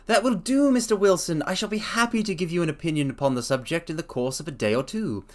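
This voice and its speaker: A man's voice: a little high, quick pace, voice pushed up, close to an everyday voice. Sherlock Holmes, as a man puts him on. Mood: imperious. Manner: crisp, theatrical, clipped delivery. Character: brisk, eccentric male detective, sharp and imperious.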